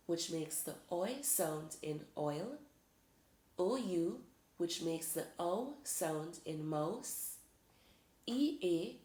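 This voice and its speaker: Female English teacher, low-pitched, deliberate scripted delivery in an echoey room. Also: darkish tone. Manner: slow, deliberate, careful enunciation. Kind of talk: scripted phonics lesson. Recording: roomy echoey sound.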